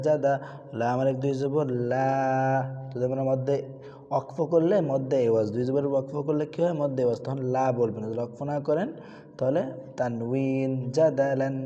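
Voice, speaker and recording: A man's voice: mid-range voice, mellow, in a large hall, muffled recording. A man teaching Quran reading rules, asking questions and answering them himself, with repeated drills of syllables. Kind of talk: tajweed lesson with recitation drills.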